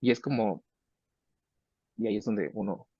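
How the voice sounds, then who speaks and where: A man's voice: lowish voice, normal speed, warm tone, slightly rough, no room sound. A man speaking conversationally about mentoring research students, often acting out what he and his students say to each other. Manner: conversational, acts out student dialogues. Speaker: research professor. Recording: dull, dry sound.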